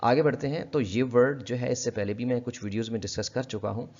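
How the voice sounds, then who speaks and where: A man giving a casual pronunciation lesson, repeating each word slowly and addressing viewers politely. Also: mid-range voice, fairly even intonation, darkish tone. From Pakistan. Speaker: English pronunciation teacher. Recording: dull lo-fi audio.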